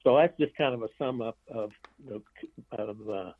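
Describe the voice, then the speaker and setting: A man's voice: mid-range voice, normal speed, dry recording. Male author guest, rambling and blunt, heard over a tinny dry phone line. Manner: rambling, restarts phrases, blunt opinions. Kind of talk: casual interview talk.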